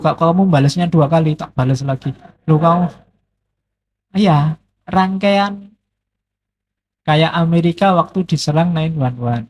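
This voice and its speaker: Middle-aged male lecturer, joking and conversational, breathy edge to the voice. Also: a little high. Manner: relaxed, joking, conversational teaching with playful examples. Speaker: philosophy lecturer. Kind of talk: casual philosophy lecture. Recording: dull lo-fi lecture recording.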